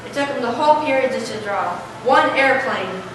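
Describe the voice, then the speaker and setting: This is a noisy, echoey recording made from a distance on stage. In it, a young adolescent girl narrates a school readers theater play from a script, her high-leaning voice expressive and lightly acted at a moderate pace.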